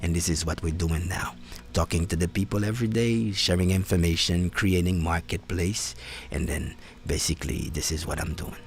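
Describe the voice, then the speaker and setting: A man with a very low voice hosts a live call, stumbling over his words and circling back. Faint music sits under his voice. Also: fairly even intonation, creaky. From Haiti. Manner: halting, repeats words and restarts often. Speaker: host and community organizer. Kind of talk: live-stream conversation. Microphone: phone or call setup.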